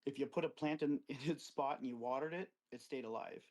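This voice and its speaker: A man's voice: brisk, a little mellow, low-quality recording. A middle-aged man from Wisconsin, a cactus grower guesting on an interview, telling long rambling stories about his life. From Wisconsin, USA. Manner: rambling, anecdotal, acts out quoted friends with livelier pitch. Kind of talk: relaxed storytelling in an interview. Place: outdoor desert garden.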